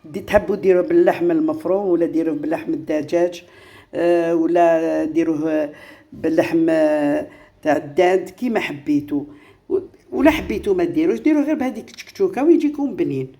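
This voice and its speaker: A woman with an Algerian Arabic accent talks viewers through a home recipe, chatty and repetitive. Her voice is low and mellow. She sounds roomy and echoey in her kitchen, with faint noise behind her. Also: expressive, racing. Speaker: home cooking channel host. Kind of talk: casual step-by-step cooking demonstration.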